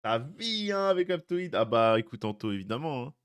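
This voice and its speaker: A man's voice: medium pitch, big pitch swings, moderate pace, smooth. A young man streaming live, chatting casually with his viewers, greeting them by name and teasing them. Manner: chatty, greets chat by name, jokey asides.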